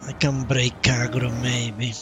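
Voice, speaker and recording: This is casual live gameplay commentary: a man muses out loud about how he's playing as prominent game music runs underneath. He speaks slowly at a medium pitch, keeping his tone level.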